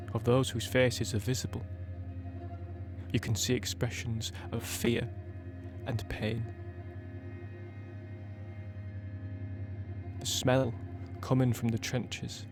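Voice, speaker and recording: In an audio play monologue, a male actor with a medium-pitched voice plays a young British tank gunner. He speaks plainly and reflectively in short, halting phrases, and the mood is grim and sombre.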